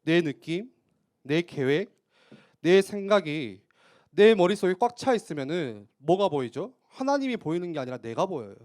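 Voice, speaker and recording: A man preaching a youth sermon in church, conversational, tossing out rhetorical questions and punctuating with quick affirmations. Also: on the high side, very animated, a little mellow. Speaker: youth pastor.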